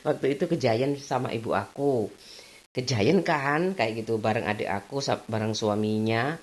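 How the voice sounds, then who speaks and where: A woman chatting casually in her home vlog, laughing often. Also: very deep voice. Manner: chatty, laughs often, mixes in Javanese words. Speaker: vlogger.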